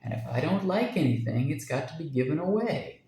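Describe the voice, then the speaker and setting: A man's voice: on the high side, big pitch swings, fairly quick, dark tone, a little hiss or hum, voice pushed up. A man voicing a fretful young wife with a raised, insistent delivery, in a roomy recording.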